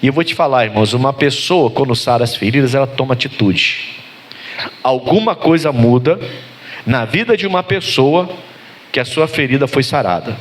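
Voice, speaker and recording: A man, a pastor preaching a sermon in an animated way, his pitch climbing for emphasis as he asks the congregation for amens. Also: normal speed, slight background noise.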